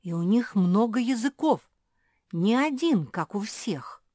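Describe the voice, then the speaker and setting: Give me a woman playing an excitable little girl pug dog, high and loud, in a dry-sounding storybook reading. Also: slow, dry recording. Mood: alarmed. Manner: eager, pleading and indignant. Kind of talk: audiobook reading.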